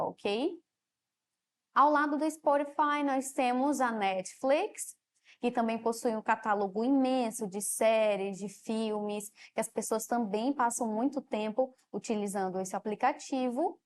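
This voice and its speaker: A woman with a Brazilian Portuguese accent teaches a televised lesson in a fairly high voice. She explains step by step and keeps checking in with her students through a quieter "ok?" at the end of her phrases. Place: studio.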